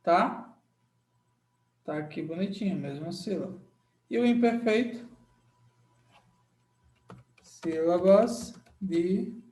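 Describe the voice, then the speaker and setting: Slow, repetitive Brazilian male teacher. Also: high-pitched, expressive. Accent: Brazilian Portuguese. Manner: drawn-out, repeats key phrases, checks in with "tá?". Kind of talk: grammar lesson. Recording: echoey room.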